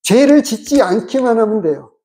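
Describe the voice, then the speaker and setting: Speaking in a mid-range voice that is expressive and mellow, a pastor delivers a measured sermon, explaining his points and posing rhetorical questions to the congregation.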